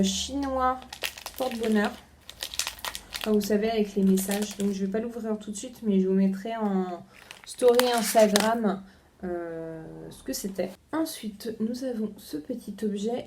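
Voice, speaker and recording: Chatty young woman with a mellow voice. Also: medium pitch, slight background noise. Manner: chatty, many hesitations and repeated words. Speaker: book vlogger. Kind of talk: casual unboxing chat. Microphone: front-facing camera.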